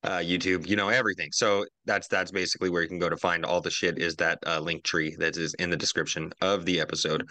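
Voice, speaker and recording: A man with a very deep voice and a bright, forceful edge hosts a casual podcast. He is laid-back and conversational and swears freely. The sound is close and dry. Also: little pitch movement, fast, hardly any pauses, no echo. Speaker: podcast host.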